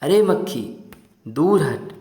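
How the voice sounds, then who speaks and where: A man voicing an angry male lion, the king of the jungle, who makes loud threats in a storybook reading. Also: fairly high pitch, sing-song, takes it slowly. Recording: roomy echo.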